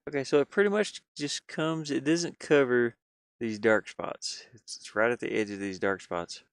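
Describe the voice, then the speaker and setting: A man who hosts game streams and designs games as a hobby chats casually on a livestream, rambling and muttering to himself as he thinks aloud while working on screen. His voice is mid-range and moves at a normal speed, with clean studio quality and no room sound.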